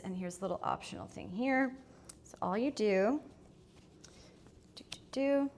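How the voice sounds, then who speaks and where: This fashion livestream host keeps her shopping chat upbeat and full of fillers while sounding breathless. Her voice is mid-range, there's slight background noise, and she drifts off the mic while switching outfits.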